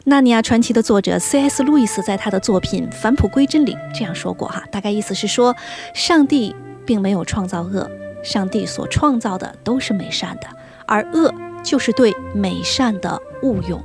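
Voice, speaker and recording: A woman hosting an audio program, explaining gently and softening her points with little tag words. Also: mid-range voice, expressive, normal speed, music in the background. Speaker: host.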